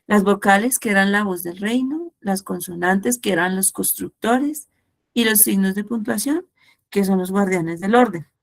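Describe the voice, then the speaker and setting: A woman teaching an online class over a video call, her voice sitting at an ordinary middle pitch. She explains step by step and turns the lesson into a little storybook tale, listing examples one by one for her students. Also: moderate pace. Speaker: Spanish teacher.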